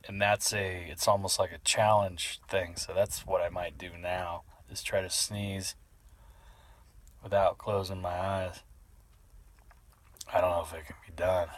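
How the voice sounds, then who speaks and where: A man's voice: low-pitched, flat delivery, measured pace, long pauses. A man talking casually in a rambling vlog style, sneezing between remarks. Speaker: video creator.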